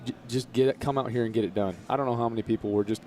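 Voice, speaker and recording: A man talking as a podcast guest in casual conversation, earnest and motivational, slowing down to stress his points. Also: medium pitch, fairly even intonation, warm tone, slight background noise.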